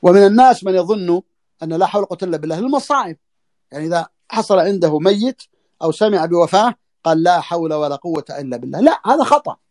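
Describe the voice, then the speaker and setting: A man delivers a religious lesson in a high voice. He moves along at a brisk pace and says each key phrase twice so students catch it. The tone is that of a teacher explaining a text. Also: expressive, a little mellow. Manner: repeats phrases for emphasis. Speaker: sheikh teaching a book.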